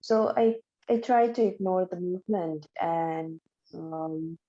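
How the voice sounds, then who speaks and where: A woman with a lowish, warm voice asks her questions hesitantly, pausing on many ums. Her call audio sounds muffled and lo-fi. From Indonesia. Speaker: participant asking questions. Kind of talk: asking questions on a video call. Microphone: video call.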